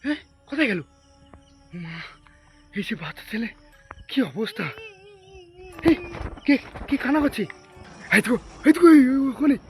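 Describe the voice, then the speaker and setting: A man's voice: very high-pitched, big pitch swings, normal speed, long pauses, faint music behind. A man filming a ghost-hunting vlog, talking to his viewers as friends with jumpy, frightened exclamations. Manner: jumpy, frightened exclamations, repeated calls of mother. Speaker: vlogger.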